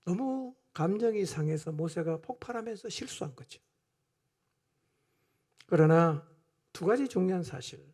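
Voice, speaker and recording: A male pastor preaching a sermon in a church, swinging between hushed asides and loud, emphatic outbursts. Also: sits high, expressive, measured pace, long pauses, husky.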